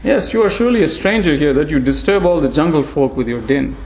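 A man's voice: fairly high pitch, very animated, fast, rough recording. A man voicing a frail, ancient male monkey who talks in a shrewd, rambling way in a storybook reading. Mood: scolding. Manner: rambling, gently scolding. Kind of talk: storybook narration.

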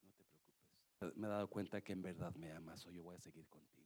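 Man voicing a hushed forgiving young wife. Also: sits low, fairly even intonation, fairly quick, pitched below the performer's own voice. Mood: tender. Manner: soft, hushed.

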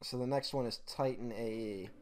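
Animated ranting man on a podcast. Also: mid-range voice, moderate pace. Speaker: podcast co-host. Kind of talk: casual chat.

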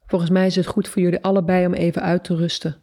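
Brief: calm, kindly mother figure, read by a woman, low-pitched, mellow, quick and coaxing in an audiobook. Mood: gentle coaxing. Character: serene Buddhist mother, patient and self-assured.

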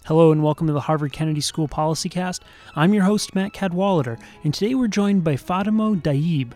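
A man hosts a policy podcast, with a voice a little higher than most men's. He reads his intro politely and asks questions in a measured way, tripping on a word now and then. Faint music plays underneath. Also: darkish tone. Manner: polite and measured, with small stumbles when improvising. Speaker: podcast host. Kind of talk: scripted intro and interviewing.

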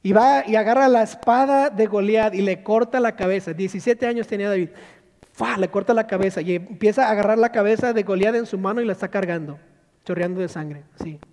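A male pastor delivers a sermon in a high, mellow voice. He moves between rhetorical questions and acted-out quotes. A long hall reverb trails behind every phrase. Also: fairly quick.

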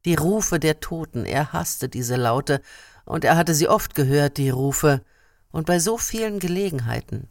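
Brief: unhurried audiobook-style narrator, even and measured, dry close mic. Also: medium pitch, no echo. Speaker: reader of a book excerpt. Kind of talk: scripted narration.

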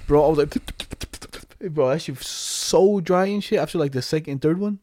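A man's voice: on the high side, moderate pace, warm tone, no echo. A young man chatting casually in slangy frat-boy talk, swearing heavily. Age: young adult. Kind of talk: casual chat.

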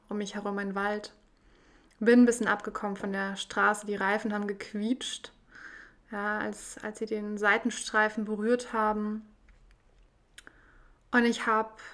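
A woman recounts a personal story in a reflective, unhurried monologue. Her pitch stays narrow and even, with little rise or fall. She pauses often between phrases. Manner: reflective, measured, with frequent pauses.

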